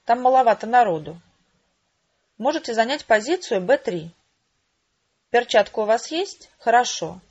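A woman voicing a short, fussy man organizing people from a list, husky and on a dull lo-fi recording. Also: a little high, very animated, moderate pace, pauses often, a little mellow. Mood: bossy. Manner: bustling, bossy.

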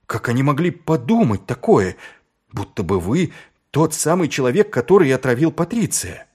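A man voicing an eager, earnest young male watchman in an audiobook, pitching his voice up. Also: moderate pace, a little mellow, close to an everyday voice.

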